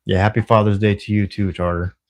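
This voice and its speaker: Brisk and a little mellow, his low-side voice shows little pitch movement. The Texas livestreamer, on a camera security shift, casually reads out viewer comments in a rambling, friendly manner packed with fillers.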